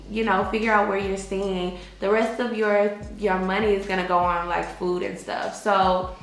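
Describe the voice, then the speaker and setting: A woman's voice: medium pitch, a bit bright. A young adult woman chats casually to camera, giving advice in an emphatic, conversational way full of "like" and "you know". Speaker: vlogger giving advice to expat English teachers. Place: small indoor room with bare walls. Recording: echoey untreated room.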